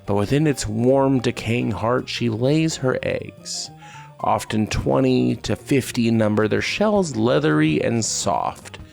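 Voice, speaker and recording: Man, gravelly voice, dramatic measured narration, faint music underneath. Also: darkish tone. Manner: dramatic, measured storyteller with sudden pitch leaps. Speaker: game master. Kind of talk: scripted narration.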